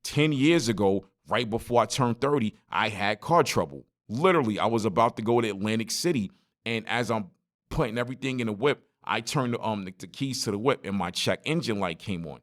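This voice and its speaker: A man, hosting a solo podcast and telling stories in lively street slang straight to his listeners. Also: fairly low pitch, brisk. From Brooklyn, New York. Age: 40s. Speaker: podcast host.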